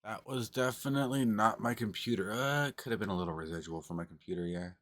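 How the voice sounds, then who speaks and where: A man streams from home with his camera set on a table, talking in a loose, rambling and often profane way. His voice sits very low. The sound is dry and close, with almost no room echo. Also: fast, a bit bright. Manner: rambling, loose and profane, talks with mouth full at times. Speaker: streamer doing tarot readings. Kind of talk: casual livestream chat.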